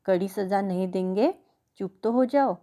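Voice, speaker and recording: A woman voicing a stern, scolding queen of the night who sits as a judge over children, in a raised, sharp voice. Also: medium pitch, moderate pace, lightly acted. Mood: placating.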